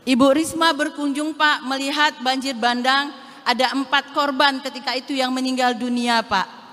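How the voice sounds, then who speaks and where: Bright, high-voiced woman pleading in a hall. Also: fairly even intonation, moderate pace. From Aceh, Indonesia. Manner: pleading, addressing the official again and again. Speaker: head of a regional social services office. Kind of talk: formal appeal at a national meeting. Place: large conference hall. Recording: reverberant hall.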